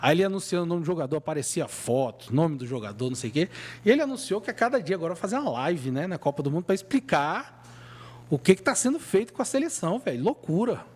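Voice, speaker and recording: A man's voice: fairly high pitch, sing-song, fast, darkish tone, slightly rough. A man with a Brazilian Portuguese accent co-hosting a podcast, chatting about football in a casual, emphatic, colloquial way. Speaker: podcast co-host. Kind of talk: casual sports chat.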